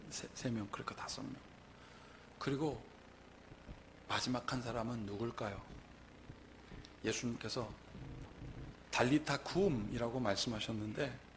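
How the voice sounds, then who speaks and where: A male pastor preaching a lively sermon, acting out quoted lines and rising to shouts at the peaks. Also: mid-range voice, a little hiss or hum. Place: church sanctuary.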